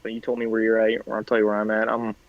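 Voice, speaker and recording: A man guesting in a casual political debate, halting and apologetic, stumbling as he thinks aloud. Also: fairly low pitch, monotone, dry recording. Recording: dull lo-fi video call audio.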